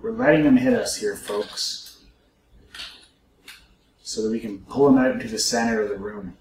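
A man's voice: fairly low pitch, moderate pace, darkish tone, a little hiss or hum. Chatty man narrating a game, roomy echo. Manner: chatty, musing aloud to viewers. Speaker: let's play host. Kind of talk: casual gameplay commentary.

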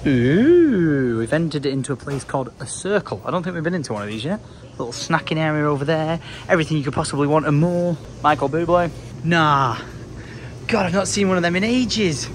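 A man's voice: a little high, animated, fairly quick, slight background noise. A young British man chatting casually as a travel vlogger, with a jokey, exclamatory, slangy way of talking. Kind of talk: casual travel vlog chat.

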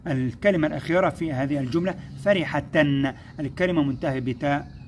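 Male schoolteacher, slightly high voice, patient step-by-step lesson delivery, faint hiss on the track. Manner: patient, explains step by step, slows to sound out syllables; addresses pupils as "my sons", praises them. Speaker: first-grade Arabic teacher. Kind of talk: recorded classroom lesson.

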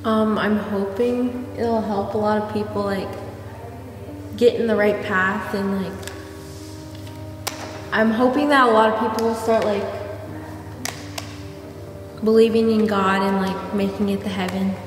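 A woman's voice: medium pitch, fairly even intonation, unhurried, pauses often. Hesitant teen girl, echoey hall. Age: teens. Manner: hesitant, filler-heavy. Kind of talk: interview. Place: large empty hall. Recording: echoey hall from far off, music.

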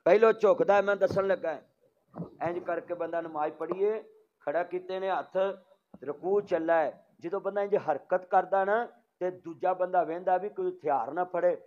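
A man's voice: high-pitched, moderate pace, darkish tone, slight background noise. A man with a Punjabi accent preaching a sermon, telling stories and voicing their dialogue, calling on the crowd to answer aloud. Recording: dull lo-fi recording.

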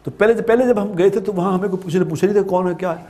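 A man's voice: high-pitched, dark tone. A man from Pakistan giving a religious talk, telling a story with repeated phrases for emphasis. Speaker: preacher.

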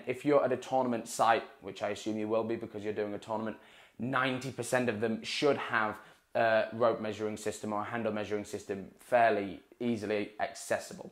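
A young man giving a casual instructional talk to camera, explaining equipment and repeating words for emphasis, recorded on a lapel mic in a small indoor room. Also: lowish voice. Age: young adult. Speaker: water-ski coach. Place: small indoor room in front of a dark wall. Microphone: clip-on lapel mic.

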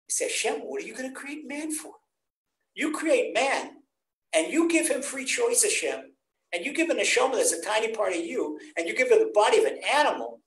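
An older man, a rabbi, teaching a weekly Torah class over a video call in an earnest, animated preaching way. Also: high voice. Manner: earnest, animated preaching, acting out quoted voices. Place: home room on video call. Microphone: webcam on a video call. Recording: roomy echo on a video call.

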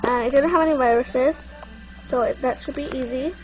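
A woman's voice: sits high, moderate pace, darkish tone, faint music behind. A young woman with a stuffy, congested-sounding nasal voice, giving a casual unscripted how-to walkthrough into a handheld phone. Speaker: tutorial presenter. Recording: muffled, noisy phone camera recording.

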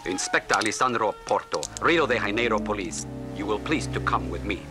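Man playing dry, low-voiced inspector. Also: close to an everyday voice. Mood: sardonic, commanding. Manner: formal, deliberate, deadpan. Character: dry, menacing Brazilian police inspector. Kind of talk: 1980s TV action drama dialogue. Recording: TV soundtrack with music.

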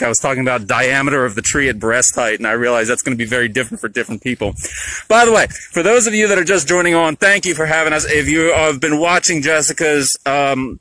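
Bright-voiced man talking through a face mask. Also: fairly high pitch, no room sound, rough recording. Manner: joking, chatty. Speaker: nature livestream host, hike leader. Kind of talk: casual livestream chat while hiking. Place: outdoors on a hiking trail.

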